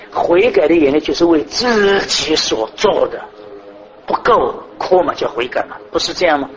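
A man preaching a sermon to a congregation, asking many rhetorical questions and swinging between raised, emphatic phrases and soft, low ones. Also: poor audio.

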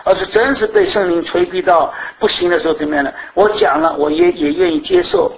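High-voiced man preaching in an echoey room. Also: big pitch swings, fairly quick, vocal fry. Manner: rhetorical questions, earnest teaching. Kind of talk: sermon.

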